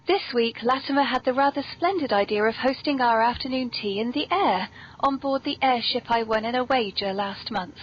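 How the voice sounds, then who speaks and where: A British woman hosts a podcast in a husky, fairly high voice at a normal speed, with a genteel, playfully theatrical and very polite manner. The talk is whimsical scripted hosting mixed with genteel chat. The recording is dull and lo-fi, with background noise.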